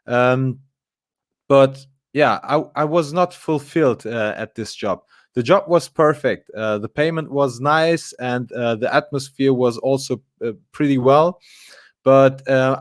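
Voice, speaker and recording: A man's voice: mid-range voice, a little slow, no echo, studio quality. A man, a guest in a casual live interview, talking with many fillers and restarts. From Germany. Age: 20s.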